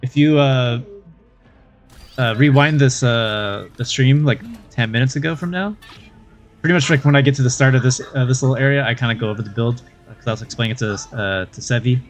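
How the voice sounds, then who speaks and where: A man's voice: mid-range voice, a little fast. A man streaming a game, chatting casually and thinking aloud in a hesitant way as he comments on play. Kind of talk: casual live stream chat and gameplay commentary. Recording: music behind the voice. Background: game music.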